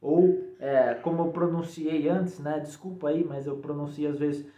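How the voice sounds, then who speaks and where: A man with a Brazilian accent gives an easygoing programming explanation, regularly adding short tags to check in with his audience. His voice is slightly high and warm, fairly even in intonation and a touch slow, recorded in an echoey, untreated room.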